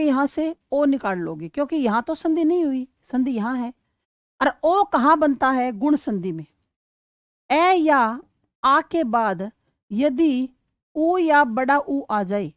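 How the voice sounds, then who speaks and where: A woman with a high voice teaches an exam-prep grammar lesson at an unhurried pace. She keeps asking questions and answering them herself, and she sounds out words slowly to show their stress. The recording is close and dry. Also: no echo.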